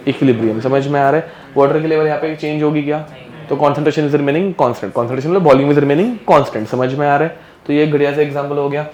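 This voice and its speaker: A man's voice: on the high side, darkish tone, slight background noise. A male chemistry teacher giving a casual live classroom lecture, mixing English terms into his speech and often checking that students follow. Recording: echoey classroom with faint ambience.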